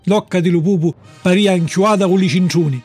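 A man telling a storybook tale in lively narration. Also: sits high, a little fast, husky, faint music behind.

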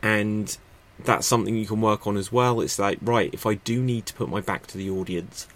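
Fairly low and fairly even in intonation, the man's voice moves at a moderate pace with a slightly bright quality. He hosts a podcast and gives unscripted instruction on improv stagecraft through a podcast microphone, chatting loosely, thinking aloud and restarting with fillers.

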